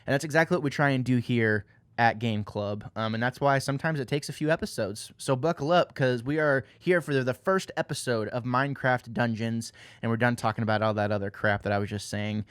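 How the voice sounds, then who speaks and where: A man's voice: mid-range voice, fairly quick, fairly bright tone, smooth, no room sound. A man hosting a casual gaming podcast, talking in a rambling, friendly way with lots of fillers. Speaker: podcast host.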